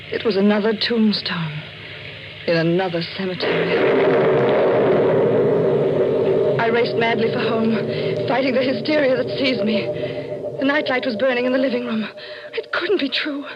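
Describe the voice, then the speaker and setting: A woman's voice: fairly high pitch, close to an everyday voice. An actress playing a proud, frightened married woman in an old-time radio thriller, with refined, theatrical diction. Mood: haunted, tense. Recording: muffled, noisy old radio drama recording.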